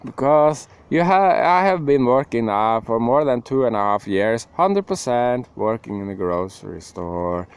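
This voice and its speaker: A man's voice: mid-range voice, animated, unhurried, few pauses, clean tone, dry recording. A young man rambling emotionally to the camera in a casual monologue, breaking into laughs and sudden outbursts. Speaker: vlogger.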